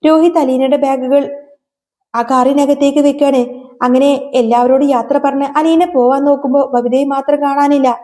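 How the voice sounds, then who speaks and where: A woman's voice: high-pitched, steady tone, normal speed, warm tone. A woman narrating a serial episode as a dramatic, emotional story retelling.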